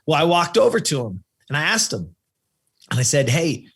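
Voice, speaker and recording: Brisk and fairly high-pitched, his voice creaky and slightly rough, a man in his 50s from California shares a personal story as a podcast guest. He repeats himself for emphasis and animatedly acts out whoever he's quoting.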